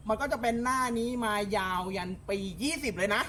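A man showing jet skis for sale in a chatty, polite way, often pausing with fillers and correcting himself. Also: very high-pitched, sharp tone, slight background noise. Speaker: jet ski shop salesman. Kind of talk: casual sales walkthrough.

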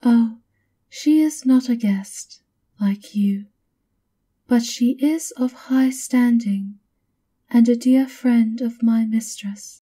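Politely servile, a woman whispers as the coolly formal maid serving a vampire countess in an ASMR roleplay. Her slightly high voice stays soft and polite, with measured, breathy phrasing.

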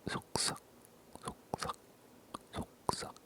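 A man whispering a rambling ASMR talk in a breathy, barely audible low voice, halting and softly repeating words. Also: heavy background noise. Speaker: ASMR creator.

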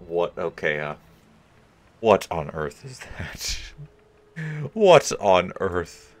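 With a low, creaky voice and slight background noise, this man comments casually on his gameplay. He's a gaming video host who thinks aloud while picking options, chuckling from time to time.

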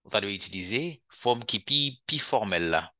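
Male English teacher, low bright voice, close dry sound, slow repeated drills. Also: lively intonation, dry recording. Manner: drills English phrases slowly, asks "ok?" often. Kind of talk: language lesson.

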